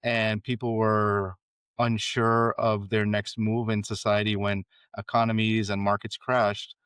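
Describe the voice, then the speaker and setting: A man as a podcast guest, recounting his background in a steady, explanatory way. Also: lowish voice, unhurried, smooth, dry recording. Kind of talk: conversational interview.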